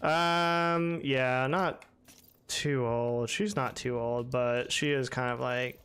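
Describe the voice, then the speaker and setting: A man's voice: mid-range voice, steady tone, slow pace, fairly bright tone, clean tone, faint music behind. A young man streaming a game live, chatting casually and rambling with lots of fillers while answering his chat.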